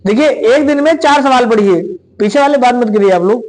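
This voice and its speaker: A man teaching a classroom of exam students, speaking loudly, repeating himself and checking "right?" after each point. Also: very high-pitched, animated, a little fast, rough recording. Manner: loud, repetitive, keeps asking "right?". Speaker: reasoning teacher. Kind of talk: classroom lecture.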